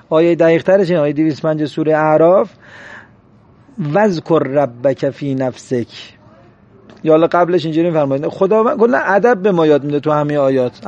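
High-voiced preacher, earnest sermon. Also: male voice, warm tone. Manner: earnest, chants Quranic verses slowly, asks rhetorical questions. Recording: dull lo-fi recording.

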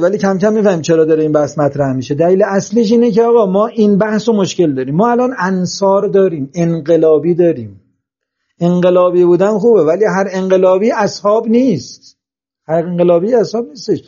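Passionate high-voiced man preaching. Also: warm tone. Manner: passionate, reproachful, rhetorical questions. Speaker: religious speaker. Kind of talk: sermon-style religious talk. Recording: dull lo-fi recording.

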